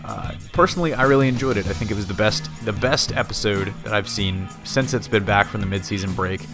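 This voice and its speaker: A man's voice: fairly low pitch, brisk, over music. A man hosting a casual, conversational review, his mouth swollen and a little woozy after having his wisdom teeth out. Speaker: host of a TV episode review show.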